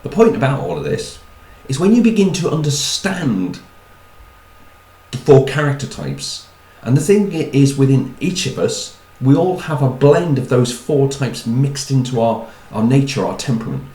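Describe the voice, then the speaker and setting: A man's voice: mid-range voice, expressive, moderate pace, warm tone, echoey room, poor audio. A man giving a chatty talk on personality types, with wry asides and repeated words. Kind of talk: talk to an audience.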